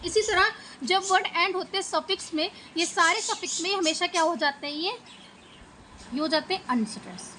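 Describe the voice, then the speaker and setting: High bright-voiced woman teacher. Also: normal speed, a little hiss or hum, low-quality recording. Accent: Indian English. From Punjab, India. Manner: explains step by step, repeats "ठीक है" often. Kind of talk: exam-prep lesson.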